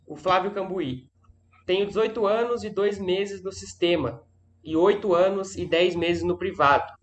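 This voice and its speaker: A man's voice: sits high, measured pace, slight background noise. A man moderating a live session, reading out viewer questions and giving brief acknowledgments between them.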